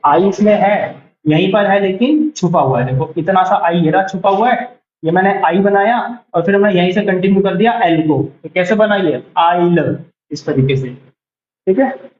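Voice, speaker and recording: A young man teaching a beginners' shorthand class, patiently repeating each word slowly and checking whether anyone has doubts. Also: high voice. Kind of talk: classroom lesson. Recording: roomy, dull lo-fi sound.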